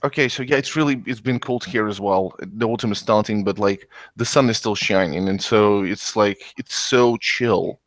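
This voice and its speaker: A lowish male voice hosts a casual podcast. He pauses and stumbles through his plugs and questions with frequent fillers. The sound is close and dry, with no room behind him. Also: no echo. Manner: halting, many fillers and restarts. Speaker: podcast host. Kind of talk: casual podcast chat and announcements.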